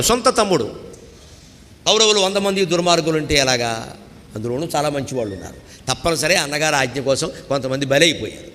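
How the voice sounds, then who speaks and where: Man, spiritual speaker, fast and bright, playing out dialogue in a reverberant hall. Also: on the high side. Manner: animated, acts out dialogue in quoted voices. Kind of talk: devotional discourse.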